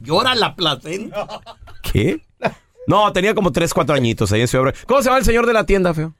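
A man bantering on a podcast, his voice high and full of swings as he teases his co-host. He tells stories and acts out the voices of the people in them. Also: very animated, quick pace, a bit bright. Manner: teasing, tells stories acting out other voices. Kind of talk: joking casual banter.

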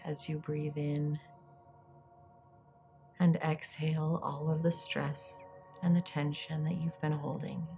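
A woman hosting a guided meditation, speaking in a soft, breathy, soothing way with long pauses. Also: sits low, little pitch movement, faint music behind. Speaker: guided meditation podcast host.

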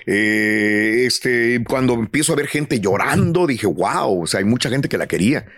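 Male radio host, lively gossip storyteller, close dry mic. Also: medium pitch, moderate pace, no room sound. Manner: lively storytelling with many fillers. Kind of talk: casual morning-show banter.

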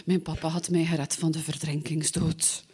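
A woman with a Flemish accent telling a personal story aloud, lively but with frequent hesitations and fillers. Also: deep voice, normal speed, husky. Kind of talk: personal anecdote told aloud.

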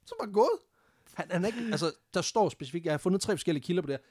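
On a podcast, a man casually tells a history story, laughing often, swearing freely, and mixing in English phrases. His voice is fairly high and a little mellow, recorded dry with studio quality.

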